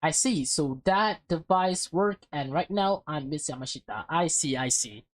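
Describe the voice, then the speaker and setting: A woman with a deep voice reads through a visual novel as a let's play host, keeping a measured pace. She's expressive and drifts into casual, offhand asides.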